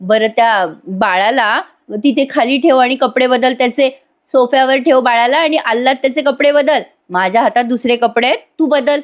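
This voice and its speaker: A woman voicing a brisk, motherly middle-aged mother-in-law who chides the younger ones. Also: high voice, close to an everyday voice. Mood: chiding. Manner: brisk, chiding.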